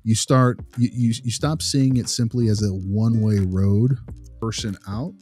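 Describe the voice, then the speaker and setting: A man hosting a podcast on behavior analysis talks conversationally, explaining things at length in an earnest, emphatic manner. His voice is lowish and warm, and he speaks at a measured pace.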